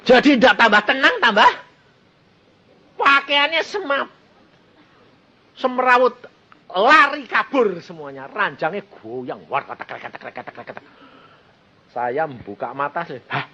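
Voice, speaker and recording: A man's voice: high-pitched, unhurried, pauses often, a little hiss or hum. A man preaching a storytelling sermon, acting out the voices of people in his story. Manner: animated, acts out dialogue in the story. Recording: muffled lo-fi sermon recording.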